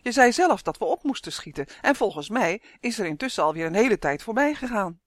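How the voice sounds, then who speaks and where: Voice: big pitch swings, fairly quick, a bit bright, no echo, clean studio sound. A reader voicing a tiny male dragonfly elf in a storybook, with a thin, buzzing, fussy way of talking. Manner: high, buzzing, anxious and fussy. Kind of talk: storybook reading.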